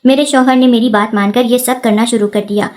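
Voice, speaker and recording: A woman reading a first-person moral story as scripted narration, with a steady storytelling delivery. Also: on the high side.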